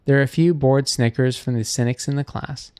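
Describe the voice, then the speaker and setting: A man reading a missionary memoir aloud in an earnest, measured storytelling manner. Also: medium pitch, fairly even intonation, a little mellow, smooth, no room sound, clean studio sound.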